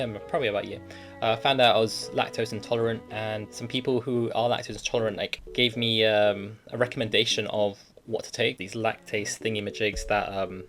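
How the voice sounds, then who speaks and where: Reading out a viewer's email before chatting about it informally, a young advice-show host laughs readily and frequently starts his sentences over. He has a mid-range voice with a fairly bright tone.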